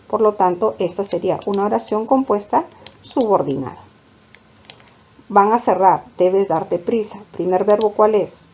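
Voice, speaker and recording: A woman's voice: mid-range voice, measured pace, mellow, breathy edge, dull audio. A woman teaching a grammar lesson to students, calling them "chicos" and asking questions she then answers herself. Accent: Peruvian Spanish. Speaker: language teacher. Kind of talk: classroom lecture.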